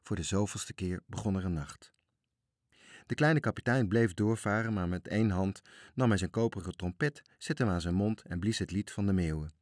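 A man reading a children's story aloud, telling it in a lively way. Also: low-pitched, normal speed, no echo, clean studio sound. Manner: lively, animated storytelling with voices. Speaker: narrator.

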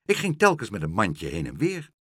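A man voicing a stern, fussy, house-proud woman in a storybook reading, hurried and self-important. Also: fairly low pitch, wildly swooping pitch, a bit bright, slightly rough, no echo, studio quality, exaggerated voice.

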